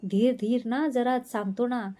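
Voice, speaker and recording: A man's voice: very high voice, steady tone, unhurried, warm tone. A woman voicing a playful, daring young man who teases and coaxes his fiancée in a spoken love story. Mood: coaxing. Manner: teasing, coaxing.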